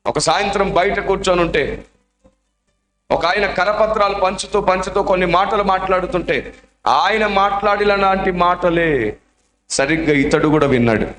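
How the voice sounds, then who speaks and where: A man's voice: high voice, normal speed, a bit bright, soft background music. A male preacher telling a story dramatically and emotionally during a sermon in a church. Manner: dramatic, emotional, acts out the voices. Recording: echoey church hall.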